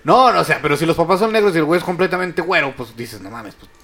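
A young Mexican man co-hosting a podcast in fast, slangy casual chat. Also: on the high side, animated, a bit bright. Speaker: podcast co-host.

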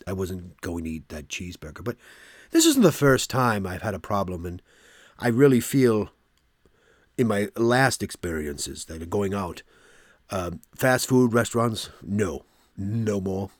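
An older man tells a story on his podcast in a chatty, animated way. His pitch swings widely and climbs high when he gets worked up replaying the argument. The sound is dry and close, with no room echo. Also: unhurried. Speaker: podcast host. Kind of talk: casual storytelling.

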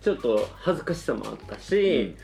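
A podcast co-host in casual chat, explaining haltingly with many fillers. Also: medium pitch, sing-song, vocal fry, a crowd in the background.

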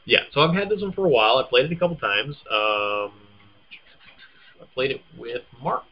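A husky-voiced man chats playfully and teases his co-host as he reads out game descriptions. His pitch sits in the middle of the range. The recording is dull and lo-fi. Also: big pitch swings, normal speed. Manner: playful, teasing. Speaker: podcast co-host. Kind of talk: casual chat, reading game blurbs.

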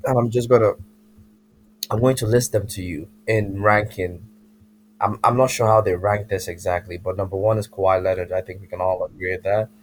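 A young man co-hosting a casual sports chat, speaking in a dry, measured way. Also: low voice, steady tone, a little hiss or hum, rough recording. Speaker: podcast co-host.

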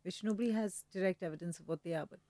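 A woman's voice: lowish voice, racing, mellow, no echo. Educated urban Indian woman, dry close sound. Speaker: historian guest. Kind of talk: conversational explaining.

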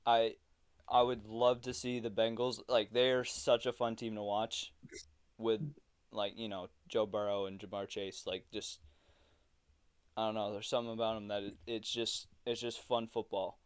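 A young man hosting a casual sports podcast, talking loosely and joking, quick to laugh. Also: on the low side, little pitch movement, clean tone. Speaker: podcast host.

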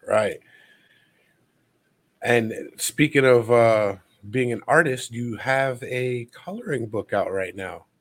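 A man's voice: medium pitch, takes it slowly. Easygoing male interview host. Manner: affirming, easygoing. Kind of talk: casual interview.

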